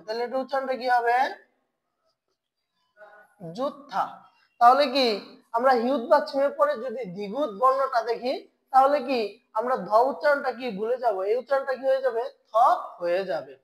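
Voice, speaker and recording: Brief: female tutor, slightly high voice, quizzes the class and answers her own questions. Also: rough recording. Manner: asks the class questions and answers them herself; slow, drawn-out spelling of syllables. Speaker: Korean language teacher. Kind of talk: online language lesson.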